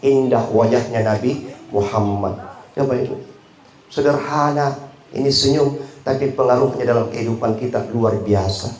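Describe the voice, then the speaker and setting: A man's voice: mid-range voice, normal speed, a little mellow, slight background noise. A man with a Makassar Indonesian accent giving a humorous sermon at a memorial gathering, telling stories and mimicking other people's voices. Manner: jokey storytelling, acting out other voices. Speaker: preacher. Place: memorial gathering in a market complex. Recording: roomy hall with laughing audience.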